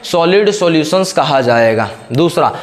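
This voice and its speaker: A man's voice: on the high side, lively intonation, unhurried. Hindi chemistry teacher quizzing his class. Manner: asks questions and answers them himself; repeats a fixed question-and-answer pattern. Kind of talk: classroom lecture.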